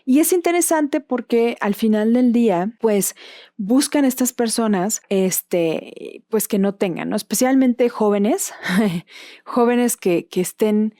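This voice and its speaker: A woman's voice: a little high, slow, dark tone, dry recording, studio quality. A woman with a Mexican accent hosting a podcast, talking in a casual, explanatory monologue and often closing her points with a questioning tag. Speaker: podcast host.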